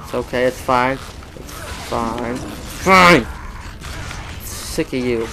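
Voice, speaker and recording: A man giving casual let's-play commentary on a shooter game, excitable and self-mocking, talking to the game and repeating words in bursts. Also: medium pitch, slow, slight background noise, low-quality recording. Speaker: gamer playing a shooter game.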